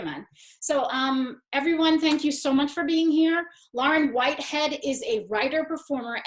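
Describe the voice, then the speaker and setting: A woman with a slightly raised pitch hosts a campus event. She reflects aloud in a searching, halting way, restarting phrases and filling gaps before moving into a formal introduction. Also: fairly bright tone, rough recording. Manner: thoughtful, searching for words, frequent restarts and fillers. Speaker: event moderator. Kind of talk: discussion remarks and reading a speaker's bio.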